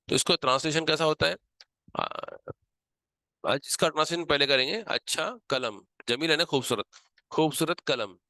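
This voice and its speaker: A man's voice: mid-range voice, bright, forceful tone, no echo. A man teaching a grammar lesson, explaining patiently step by step and repeating key points.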